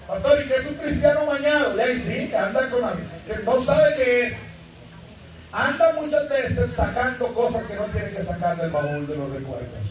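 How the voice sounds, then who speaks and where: High-voiced shouting pastor, echoey church. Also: male voice, far from the mic. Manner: shouting sermon delivery with jokes and acted quotes. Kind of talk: sermon. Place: church service with congregation. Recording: very echoey church hall, from the mic.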